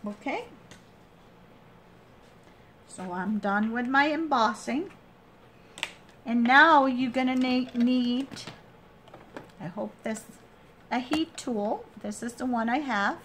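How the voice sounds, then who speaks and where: Slow, halting woman giving a craft tutorial. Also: on the high side, fairly bright tone, slight background noise. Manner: halting, trailing off and restating steps. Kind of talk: casual hands-on tutorial, explaining each step.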